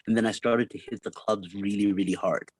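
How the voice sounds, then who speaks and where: A South African man in his fifties, a comedian guest in a casual interview, telling his story with quick jokes. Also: fairly low pitch, steady tone, breathy edge, no echo, poor audio. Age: 50s. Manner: jokey, quick one-liners.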